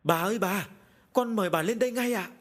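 A man's voice: sits high, sing-song, moderate pace, husky, voice pushed up, full character voice. A man voicing a timid young female servant who stammers and speaks deferentially, in an audio storybook. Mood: urgent.

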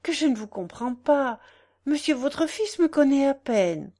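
A woman's voice: high-pitched, expressive, measured pace, mellow, voice pushed up. A woman reading aloud voices a modest young woman who answers with surprise and polite hesitation. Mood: bewildered.

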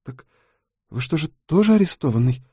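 A man's voice: high-pitched, expressive, moderate pace, mellow, no echo, studio quality, voice pushed up. A man voicing a frightened young female schoolteacher who speaks tearfully. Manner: tearful, pleading.

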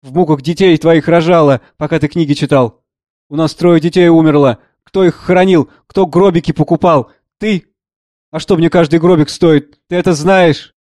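A man's voice: a little high, steady tone, normal speed, darkish tone, no room sound, clean studio sound, natural voice. A man voicing a tearful, resentful middle-aged wife and mother who pleads and accuses. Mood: distraught.

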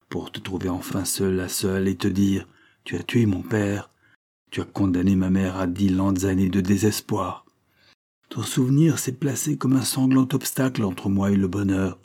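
A man's voice: lowish voice, dark tone, husky. A man voicing a vengeful young male artisan who speaks with savage, accusing fury in an audiobook.

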